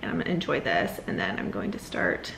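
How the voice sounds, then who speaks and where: A woman's voice: rumbling low, sing-song, fairly quick, gravelly, noisy background. A young woman, chatting casually to a handheld camera as a flight attendant vlogger. She talks in an upbeat way while she packs and moves around. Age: young adult. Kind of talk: casual vlog chat to camera. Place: home kitchen, car, airport and hotel room. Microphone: phone or camera held at arm's length.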